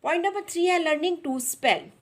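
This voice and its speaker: High-voiced Pakistani woman teaching children. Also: lively intonation. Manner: reads English slowly, then explains in Urdu; addresses children directly. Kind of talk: reading a schoolbook lesson aloud.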